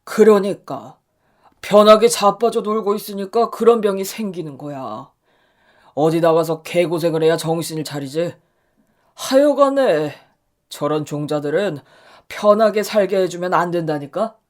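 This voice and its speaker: A contemptuous, domineering middle-aged husband, played by a woman in a radio story drama. He barks and sneers in a voice pitched a little low and pushed loud. Every line is aimed down at his wife. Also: animated, a little slow. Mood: sneering. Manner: shouting, contemptuous.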